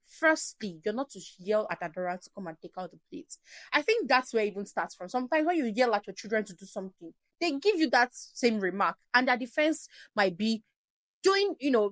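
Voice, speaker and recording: A woman hosting a parenting advice show, answering viewer questions in an animated way and acting out shouting parents. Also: medium pitch, dry recording. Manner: animated, acts out shouting parents, drops to soft emphasis.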